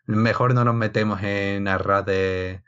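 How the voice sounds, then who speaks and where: Man, lowish voice, conversational wrestling analyst, slightly dull lo-fi recording. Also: steady tone, a little slow, fairly bright tone, clear, resonant tone. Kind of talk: casual wrestling analysis chat.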